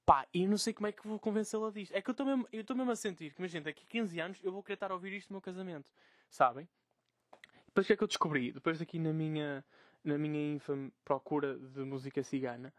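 A man's voice: a little high, quick pace, no echo. A young man with a Portuguese accent ranting in a casual solo podcast from his bedroom, swearing freely and mocking the people he quotes. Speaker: podcast host.

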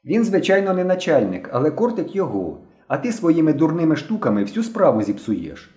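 Storybook voice: man playing a high, reproachful schoolboy, insistent, mellow tone. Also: very animated, a little fast. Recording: roomy echo.

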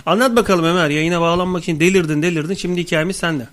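Young man, radio co-host, rapid crude jokes, fairly high voice, very fast. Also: a bit bright. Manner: rapid joking, profane, teasing callers. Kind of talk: casual crude comic banter.

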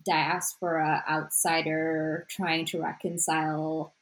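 A Sri Lankan-born woman author whose first language is Tamil answers interview questions thoughtfully, with many "you know" fillers and restarts. Her voice is low-pitched and level, and she takes her time.

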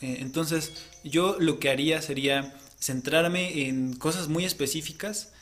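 A man's voice: on the high side, fairly even intonation, unhurried, a bit bright, soft background music. A man co-hosting a casual podcast, explaining at length and often ending points with a questioning tag. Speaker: podcast co-host.

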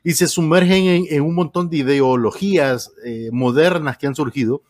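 A man's voice: on the high side, a little mellow, dry recording. Rambling Honduran man, dry studio sound. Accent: Honduran Spanish. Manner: rambling, halting, with frequent "eh" and restarts. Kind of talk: casual panel discussion.

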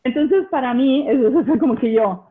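A woman's voice: high-pitched, a little fast. Monterrey woman telling stories on a tinny line. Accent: northern Mexican (Monterrey). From Monterrey, Mexico. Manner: storytelling, animated, laughs often. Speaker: guest. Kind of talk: casual conversation.

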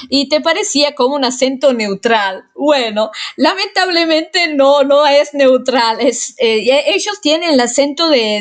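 An Italian woman, Italian being her first language, chats casually as a vlogger answering a viewer's question. Her friendly voice sits a touch high, and since she is still learning the language she speaks, she often pauses, uses fillers, and corrects herself mid-word.

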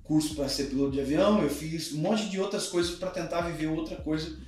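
This thirties-aged pastor has a slightly high, darkish voice and talks fairly quickly in a podcast conversation. He's earnest and emphatic, using examples to teach, while music plays behind him in a very echoey room.

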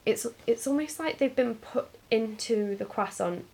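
A woman's voice: on the high side, unhurried, vocal fry, a little mellow. A woman, co-hosting a podcast in casual chat, talking chattily and acting out little quotes. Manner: chatty, restarts sentences, acts out quotes. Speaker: podcast co-host.

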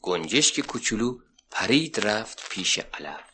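A man narrating a 1970s children's radio story, lively and expressive. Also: lowish voice, a little hiss or hum.

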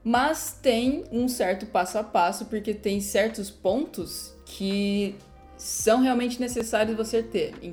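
A woman speaking as a digital designer guest on a podcast, talking in a lively, casual way. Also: mid-range voice.

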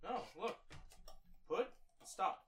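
A young man co-hosting a casual podcast over beers, talking fast and swearing freely. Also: high voice, slight background noise. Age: young adult. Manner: fast, animated, swears a lot. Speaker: podcast co-host. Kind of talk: casual chat while drinking.

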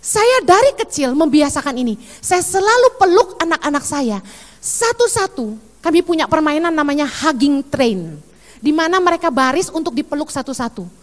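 Middle-aged female pastor, lively preaching with a high voice, reverberant hall sound. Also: normal speed. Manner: animated, acts out quoted voices. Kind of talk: sermon.

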